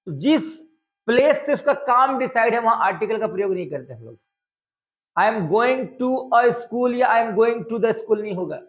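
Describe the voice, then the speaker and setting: A man's voice: high-pitched, muffled recording. A male English teacher, teaching a classroom grammar lesson and firing constant questions at his students. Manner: drawls out example sentences slowly.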